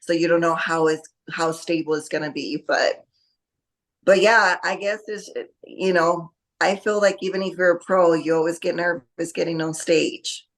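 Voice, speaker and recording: A woman's voice: fairly low pitch, steady tone, normal speed. A woman from Costa Rica, a guest on a podcast, talking casually with many fillers. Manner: hesitant, many fillers, laughs easily. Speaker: podcast guest, bodybuilding athlete. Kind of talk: casual interview.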